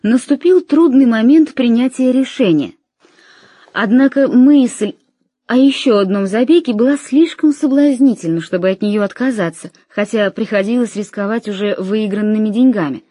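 A woman reading a story aloud in an even, measured narration. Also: on the high side, no room sound, clean studio sound. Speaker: audiobook narrator. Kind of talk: scripted narration.

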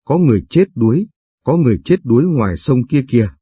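A man's voice: medium pitch, expressive, fast, dark tone, husky, dry recording. A man voicing a panicked middle-aged village woman crying out an alarm in a told story.

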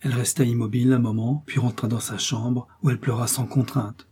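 A man reads a classic novel aloud in a calm, even storytelling voice. His tone is dark and mellow with a slight huskiness, steady from line to line. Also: mid-range voice, brisk, husky. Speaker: audiobook narrator. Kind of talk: scripted narration of a classic novel.

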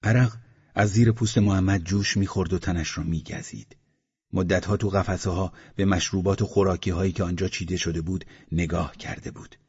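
A man narrates an audiobook in a measured, even reading. His voice is very deep and husky, and the recording sounds slightly muffled. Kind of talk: scripted narration.

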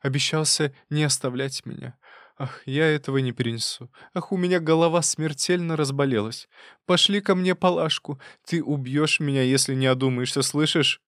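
A man's voice: a little high, fairly even intonation, normal speed, a bit bright, no room sound, clean studio sound, voice pushed up. A man reading an audiobook, voicing a proud middle-aged mother who plaintively reproaches her daughter. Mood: reproachful.

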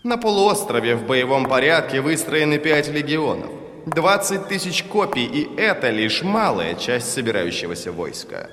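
A man's voice: medium pitch, very animated, normal speed, fairly bright tone, echoey room, long reverb tail, a little hiss or hum, voice pushed up. A man reading an audiobook, voicing a tall, arrogant imperial ambassador with a resonant, commanding voice. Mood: haughty. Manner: arrogant, pompous.

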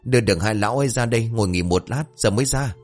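A man's voice: lowish voice, very fast, faint music behind, natural voice. A man voicing a blunt older villager who explains things in a matter-of-fact way.

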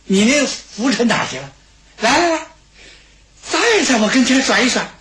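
A man's voice: very high voice, sing-song, normal speed, fairly bright tone, roomy sound, pitched above the performer's own voice, full character voice. A male storyteller voicing a brash, cheeky young warrior-heir in a mock-familiar tone. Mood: cocky.

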